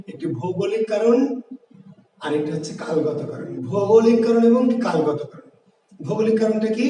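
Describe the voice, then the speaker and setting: A man from Bangladesh teaches an exam-prep lesson, posing rhetorical questions and repeating key words. His voice is high-pitched and warm but sounds distant, picked up from far off in an echoey room.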